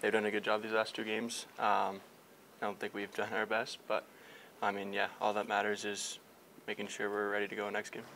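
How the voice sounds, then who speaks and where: A young adult hockey player answers a post-game locker-room scrum, several reporters' handheld mics close to him. He speaks fairly quickly in a lowish, sharp-toned monotone, stumbling through fillers and restarts, over a little hiss or hum.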